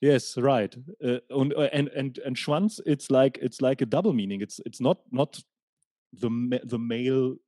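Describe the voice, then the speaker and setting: German man, podcast host, halting English, husky, mellow, dry sound. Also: mid-range voice, no room sound. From Hanover, Germany. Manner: halting English, searching for words. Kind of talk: casual chat.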